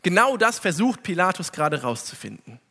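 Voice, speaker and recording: A man's voice: high-pitched, sing-song, a little fast, creaky, bright, forceful tone, big-room sound. A man preaching a sermon, reading scripture and then explaining it with rhetorical questions, speaking earnestly and directly to his listeners.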